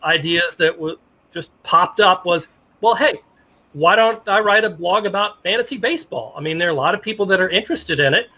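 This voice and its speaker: The voice sits high with a sharp tone, belonging to a middle-aged American man. He's a sports journalist being interviewed casually as a guest, chatting and telling anecdotes from the past.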